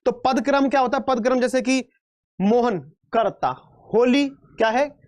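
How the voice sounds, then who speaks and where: A Hindi teacher leads an online exam-prep grammar class in a very high-pitched, unhurried, slightly mellow voice. Playful and chatty, he calls students beta, throws in jokes, and repeats terms back as questions to quiz the viewers.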